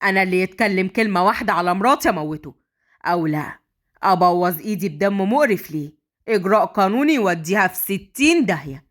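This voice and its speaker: A woman voicing a gruff, domineering young husband who talks bluntly and teases. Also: expressive, quick pace, natural voice. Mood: angry. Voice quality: rough, lowered voice. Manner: commanding, blunt, teasing.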